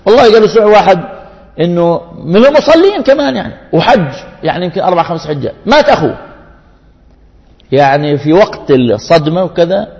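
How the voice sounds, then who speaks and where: A man delivers an earnest sermon, pressing his listeners with rhetorical questions and illustrating each point with a story. His voice sits a little high for a man, and it rings out in a long hall reverb. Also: expressive, quick pace, darkish tone, muffled recording. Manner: earnest, addresses the congregation with rhetorical questions and anecdotes. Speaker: preacher.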